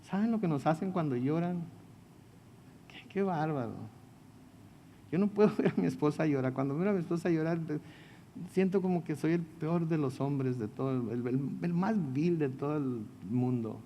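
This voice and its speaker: A man's voice: on the high side, normal speed, dark tone, a little hiss or hum. Man teaching the Bible in a reverberant hall. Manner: conversational, asks the audience questions, joking asides. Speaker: pastor. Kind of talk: midweek Bible study teaching. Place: church meeting room.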